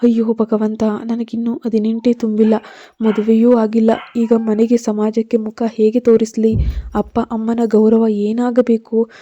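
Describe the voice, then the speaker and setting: A woman's voice: fairly high pitch, monotone, unhurried, warm tone, lo-fi sound. A woman voicing a frightened, guilt-stricken teenage girl in a storybook tale. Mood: despairing. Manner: anxious, pleading.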